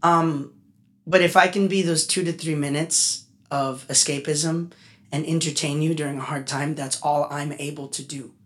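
A man, a musician guest on a casual podcast interview, talking in an animated, chatty way that turns heartfelt. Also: fairly high pitch, moderate pace. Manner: animated, talkative, gets emotional.

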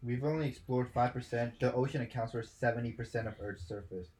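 A man's voice: mid-range voice, fairly quick, darkish tone, rough recording. A male student bantering casually with friends, contrary and matter-of-fact.

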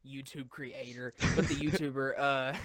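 A man's voice: mid-range voice, expressive, slow pace, fairly bright tone, no echo. A young man co-hosting a casual podcast, rambling and swearing, laughing often as he tells stories. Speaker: podcast co-host. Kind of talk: casual chat.

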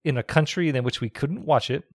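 A man's voice: a little high, brisk, no echo, studio quality. A man co-hosting a podcast in casual chat, his face half numb from the dentist. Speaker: podcast co-host.

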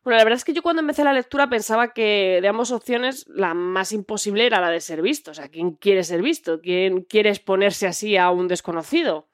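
A woman's voice: medium pitch, fairly quick, hardly any pauses, no echo, studio quality. A woman, hosting a book recommendation podcast in a chatty, reflective way with frequent filler words. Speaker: podcast host.

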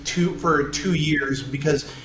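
A man co-hosting a film podcast in casual chat, excitable and tripping over his words. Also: a little high, slow, echoey room. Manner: excitable, stumbles and repeats words. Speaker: podcast co-host.

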